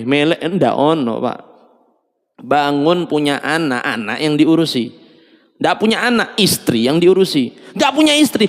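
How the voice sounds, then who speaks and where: A man preaching at a mosque study session, joking and laughing often and slipping in Javanese words. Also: medium pitch. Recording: long mosque reverb.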